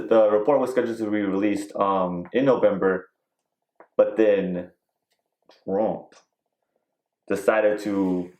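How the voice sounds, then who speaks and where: A man's voice: fairly low pitch, darkish tone. A man co-hosting a casual chat show, rambling with lots of fillers and the odd joke. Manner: rambling, filler-heavy, joking. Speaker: podcast co-host. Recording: echoey room.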